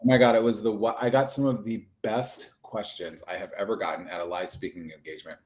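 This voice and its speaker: A male clinician and advocate in a casual live-stream chat, talking in a lively, rambling way with lots of asides. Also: fairly low pitch, a little fast. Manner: chatty, animated, lots of "like" asides.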